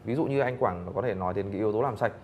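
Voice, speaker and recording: A man hosting a studio panel talk, asking questions politely and quickly. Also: lowish voice, a little hiss or hum. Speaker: talk show host. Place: indoor TV studio set.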